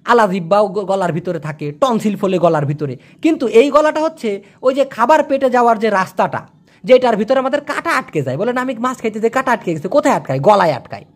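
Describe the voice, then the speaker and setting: A woman from Bangladesh gives a casual spoken language lesson, slowly repeating words again and again as pronunciation drills. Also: medium pitch, lively intonation. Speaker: language teacher.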